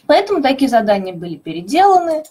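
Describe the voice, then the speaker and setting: A woman methodologist presenting a teaching webinar, explaining clearly and stressing key words. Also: high voice, very animated, fast, dark tone.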